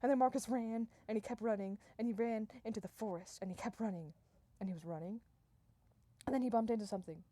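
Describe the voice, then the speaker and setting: A woman telling an improvised comic story in a deadpan, run-on way, stringing events together and sometimes dropping to a hush. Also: medium pitch, fast, no echo. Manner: deadpan, run-on "and then" narration, dropping to hushed tones.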